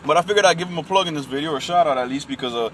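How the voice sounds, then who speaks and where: Talking at a racing clip in a voice on the high side, this late-twenties man vlogs about gaming in a casual rant to camera. He leans heavily on fillers and addresses everyone as "bro" or "man." Loud traffic, air conditioning and street noise surround his distantly miked voice.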